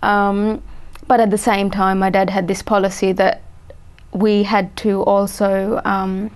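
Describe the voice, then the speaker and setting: A woman in her forties from Sri Lanka, a guest in an interview, speaking thoughtfully with many pauses and restarts. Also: mid-range voice, level tone. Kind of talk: interview conversation.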